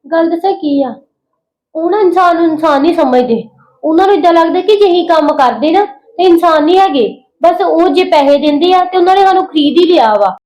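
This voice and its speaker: A woman plays a proud, hurt young housemaid in a family drama skit. She pleads earnestly in a high voice, with the words tumbling out quickly. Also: darkish tone, highs cut off.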